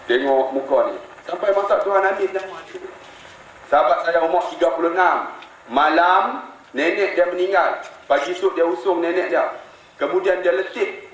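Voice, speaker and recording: A man's voice: high-pitched, a little hiss or hum. A man preaching a sermon, telling stories and speaking straight to his listeners. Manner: animated storytelling, addresses the audience directly. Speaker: religious preacher. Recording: echoey hall, mic from a distance.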